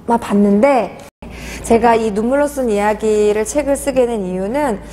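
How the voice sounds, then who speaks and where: A woman's voice: fairly high pitch, normal speed, mellow, in a large hall, slight background noise. A woman in her forties, an author answering interview questions in an earnest, hesitant way with many fillers. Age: 40s.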